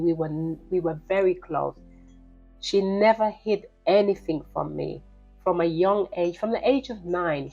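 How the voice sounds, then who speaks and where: A woman's voice: on the low side, vocal fry, a little mellow, breathy edge, muffled recording. A woman, telling a personal story to her vlog viewers in an earnest, direct way and calling them "guys". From Liberia. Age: 50s. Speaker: vlogger.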